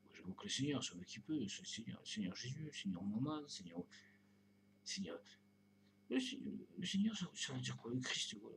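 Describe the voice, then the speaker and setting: Man, mid-pitched, musing solo vlogger, loose rambling delivery that keeps slipping into whispers. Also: sing-song, moderate pace, a bit bright, slight background noise. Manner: drifting, repeats "tu vois", often drops to a whisper. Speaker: video blogger. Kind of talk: rambling spiritual monologue.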